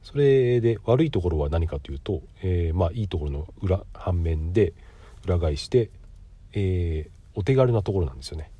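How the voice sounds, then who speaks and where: A middle-aged podcast host with a cold has a deep, dark, husky voice that sounds nasal and stuffy. Speaking at normal speed with lively intonation, he explains things politely in a casual solo monologue punctuated by filler pauses.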